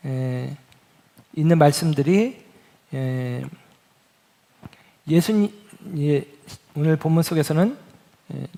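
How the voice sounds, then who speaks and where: A man preaching a sermon as a pastor, reading scripture slowly and speaking earnestly with emphatic rises. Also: on the high side, darkish tone. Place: church sanctuary. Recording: long hall reverb.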